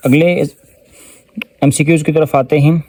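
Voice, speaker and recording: A male English tutor with a Pakistani Urdu accent works through test questions in a mellow, low-key voice. His sentence readings come slow and deliberate, with pauses between his explanations. The sound is close and dry. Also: little pitch movement, no room sound. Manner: explains step by step with frequent fillers. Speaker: English teacher. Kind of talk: test-prep lesson explaining answers.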